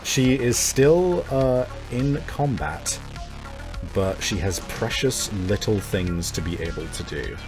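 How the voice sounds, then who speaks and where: A man's voice: on the low side, expressive, takes it slowly, music in the background. A man running a tabletop game as game master, talking casually with frequent swearing and fillers.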